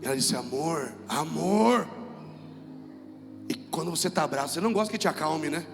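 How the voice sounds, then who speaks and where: Preaching in a church hall with music, a male pastor with a Brazilian Portuguese accent speaks very fast in a voice on the high side with a fairly bright tone. He is emphatic and repeats himself, asking the congregation to echo his words. A long reverb tail follows his speech.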